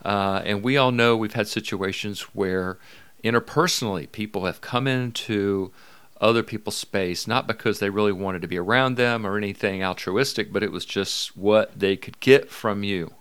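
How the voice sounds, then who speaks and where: A man's voice: lowish voice, normal speed, fairly bright tone, smooth, no echo. A middle-aged man hosting his podcast, upbeat and folksy with playful emphasis. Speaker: podcast host. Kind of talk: energetic podcast monologue.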